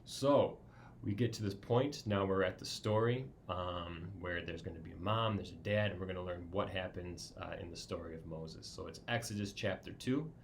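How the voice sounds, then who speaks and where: Casual low-voiced man teaching kids. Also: moderate pace, slight background noise. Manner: casual, explanatory, frequent "right?". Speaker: children's ministry teacher. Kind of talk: Bible lesson for kids.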